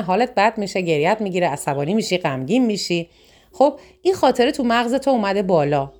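A woman coaching listeners in a recorded self-help lesson, stressing key words by drawing them out and repeating phrases. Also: lowish voice. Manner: speaks directly to listeners, repeats words for emphasis.

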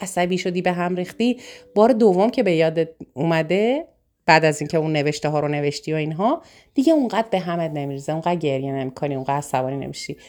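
Female self-help coach, low-pitched, emphatic and repetitive, speaking straight to her students. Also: darkish tone. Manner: emphatic, drawn-out stresses on key words; speaks directly to listeners, repeats words for emphasis. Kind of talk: recorded lesson.

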